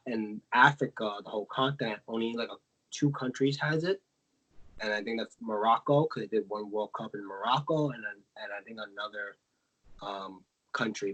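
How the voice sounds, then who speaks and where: On poor-quality audio, an American man co-hosting a casual podcast speaks in a low, sharp-toned voice. He explains at length, frequently using fillers and correcting himself.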